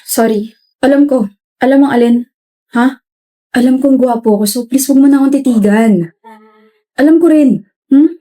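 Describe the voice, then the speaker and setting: A woman's voice: sits high, normal speed, long pauses, mellow. A woman acting out a campus romance skit in cocky, teasing banter.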